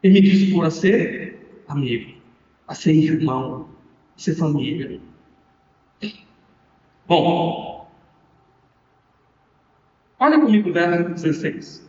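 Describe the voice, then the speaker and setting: A man's voice: a little high, animated, takes it slowly, pauses often, a little mellow. A man with a Brazilian Portuguese accent, preaching a sermon as pastor and speaking emphatically with rhetorical questions. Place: church hall. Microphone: distant. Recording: echoey hall, distant mic, dull sound.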